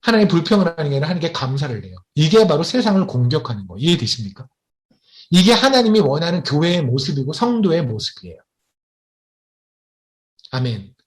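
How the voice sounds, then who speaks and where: Man, missionary preacher, sermon, lively rising and falling pitch, rhetorical questions, slows for emphasis. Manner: animated, asks the congregation questions often.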